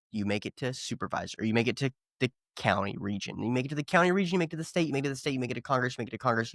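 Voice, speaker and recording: A man hosting a political podcast, delivering a combative, ranting monologue that rises to near-shouting. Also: medium pitch, no room sound, studio quality. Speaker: podcast host.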